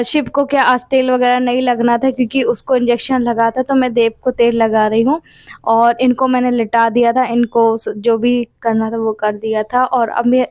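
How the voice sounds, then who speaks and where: A woman's voice: on the high side, darkish tone, no echo. A woman in her late twenties, chatting casually in a home vlog and telling her story at length with small repeats. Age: 20s. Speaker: vlogger and mother.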